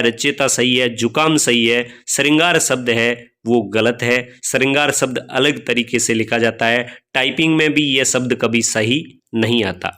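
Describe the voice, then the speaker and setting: A man teaching Hindi grammar, reading out quiz questions and explaining each option one by one, slowing down to spell out letters and addressing viewers as friends. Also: mid-range voice, bright, forceful tone. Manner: slows down to spell out letters and vowel signs. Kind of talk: spoken quiz walkthrough lesson.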